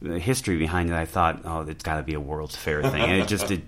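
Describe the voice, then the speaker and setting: A man with a very low voice hosts a casual podcast interview. He talks in a relaxed, chatty way, putting friendly questions to his guest. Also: fast talker. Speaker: podcast host.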